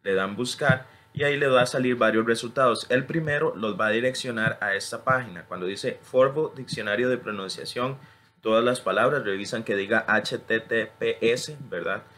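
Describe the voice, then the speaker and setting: Bright-toned teacher. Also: male voice, medium pitch, normal speed. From Costa Rica. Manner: switches between English and Spanish, models words for repetition. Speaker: English teacher. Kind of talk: screen-recorded tutorial.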